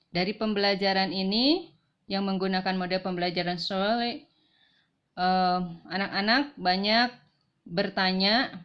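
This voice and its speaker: A woman teacher calmly explaining an online lesson, speaking slowly and carefully with frequent pauses and fillers. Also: lowish voice. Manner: slow, careful, apologetic with fillers. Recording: dull lo-fi recording.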